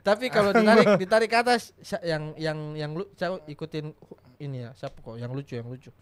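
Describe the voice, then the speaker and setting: A man in his twenties co-hosting a casual comedy podcast, teasing and laughing often, recorded on a boom mic in a small studio. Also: brisk, clear, resonant tone. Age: 20s. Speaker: podcast co-host. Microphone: headset with boom mic.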